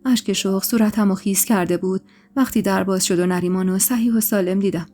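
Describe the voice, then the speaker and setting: A woman storyteller with a mid-range voice reads a dramatic first-person story, emotional and expressive, over faint background music.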